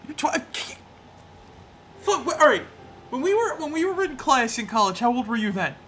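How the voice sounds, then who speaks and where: A man's voice: very high-pitched, sing-song, moderate pace, fairly bright tone, a little hiss or hum. A man hosting a game stream, chatting casually with friends, laughing often and rambling.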